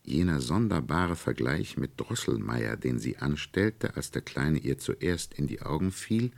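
A man reading a classic fairy tale aloud in a measured, expressive storytelling manner. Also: very deep voice, gravelly. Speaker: narrator.

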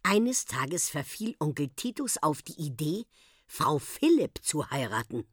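A woman reading a children's story aloud as an expressive narrator. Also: low-pitched, unhurried, husky, no echo, studio quality.

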